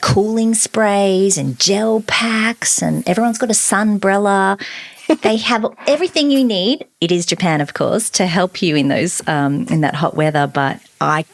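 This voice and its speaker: A woman's voice: mid-range voice, a little slow, gravelly, dry recording. A woman hosting a travel podcast, chatting effusively with her guest. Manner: warm, effusive, chatty interviewer. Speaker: podcast host. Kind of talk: casual podcast interview.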